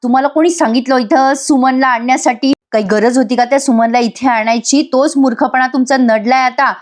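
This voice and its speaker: Woman reading a sharp-tongued female accomplice: scolding, tart. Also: high-pitched, fairly even intonation, brisk, natural voice.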